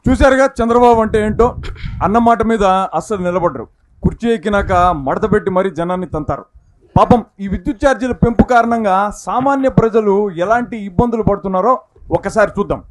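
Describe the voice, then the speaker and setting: A man presenting a street play in loud, rhetorical street performer patter. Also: sits high, fast talker. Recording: clearly noisy recording with clicks.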